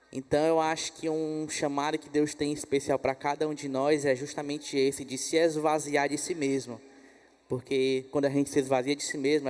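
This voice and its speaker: Brief: Brazilian male church host, slightly high voice, gentle prayer, echoing hall. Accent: Brazilian Portuguese. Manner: gentle, warm prayer with repeated "Pai". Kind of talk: conference hosting and prayer. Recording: reverberant hall.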